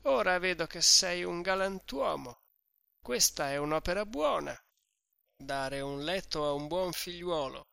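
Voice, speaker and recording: A man voicing a drunk young man, boastful and muddled, with slurred, drawn-out speech. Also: high voice, expressive, gravelly, bright, forceful tone, clear, resonant tone, no echo, studio quality, voice pushed up, exaggerated voice. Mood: tipsy cheerful.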